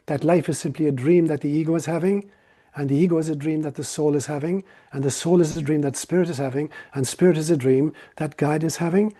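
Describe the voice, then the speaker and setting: Irish male spiritual guest, storyteller's lilt, eloquent phrasing, lightly raised pitch, very mellow timbre. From Ireland. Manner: lilting storyteller's delivery, eloquent. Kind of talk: spiritual teaching in an interview.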